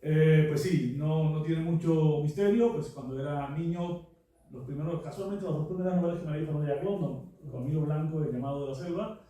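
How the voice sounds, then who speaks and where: A man, a novelist presenting his book, telling anecdotes in a relaxed way with lots of fillers. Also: a little high, a little fast. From Cuba. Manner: relaxed storytelling with frequent fillers. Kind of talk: anecdotal talk at a book launch. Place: book presentation venue, large room. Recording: very echoey room, mic far off.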